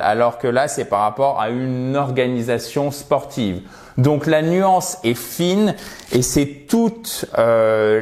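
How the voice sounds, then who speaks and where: Man, teacher type, bilingual grammar lesson; slow, deliberate pacing, models English stress by repeating words. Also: medium pitch. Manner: switches between English examples and French explanation.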